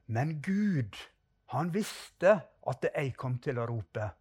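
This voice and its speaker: A man's voice: on the high side, darkish tone. A man giving a spoken testimony and a fervent prayer as a preacher on a podcast.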